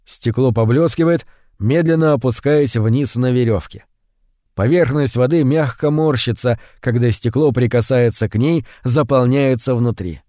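Hushed brooding male story narrator. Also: mid-range voice, dry recording, studio quality. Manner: slow, hushed and brooding, with louder acted quotes. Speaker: audiobook narrator. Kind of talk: scripted narration of a short story.

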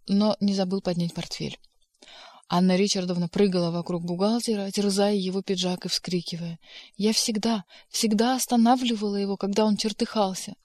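A woman reads an audiobook in a measured, steady narrating voice. Her pitch sits in the middle, and the dry, close recording has no room sound. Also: no room sound. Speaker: audiobook reader. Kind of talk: scripted narration.

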